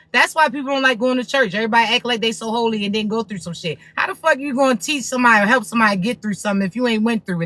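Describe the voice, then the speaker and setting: A woman's voice: a little high, pushed and bright, dry recording. Blunt, profane woman reader. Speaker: spiritual reader. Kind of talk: livestream pep talk.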